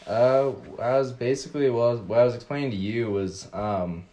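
A male guest in a casual conversation, talking in a rambling, halting way with constant fillers. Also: medium pitch, dark tone. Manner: rambling, halting, heavy use of "like". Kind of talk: casual chat.

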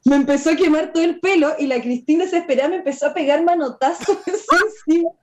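A Chilean woman, a nail artist and tattooist, telling funny anecdotes in casual chat, animated and laughing as she goes. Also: sits high, fast talker, a little hiss or hum. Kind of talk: casual storytelling. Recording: muffled lo-fi audio.

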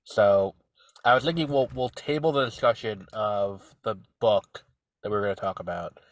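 Sounding congested and nasal from a cold, a man co-hosting a podcast talks casually in a lowish voice at normal speed. He meanders and hesitates, with lots of fillers and restarts, and the audio has no echo.

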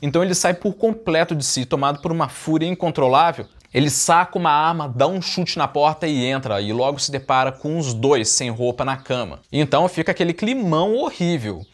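A man's voice: a little high, lively intonation, a little fast, hardly any pauses. A man hosting a commentary channel, retelling a story dramatically and reflecting on it with emphasis. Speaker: channel host.

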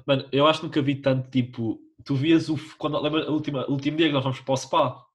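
A young man with a mid-pitched voice. He rattles along very quickly. His style is that of a casual podcast co-host chatting in slang. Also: steady tone. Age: young adult. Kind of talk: casual chat.

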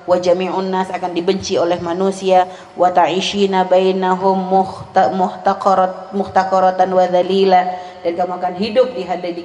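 A woman's voice: on the low side, a little mellow. A woman with a Javanese accent giving a religious lesson to women, reciting Arabic lines and translating them with chatty asides. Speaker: Islamic religious teacher. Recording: echoey hall, faint background noise.

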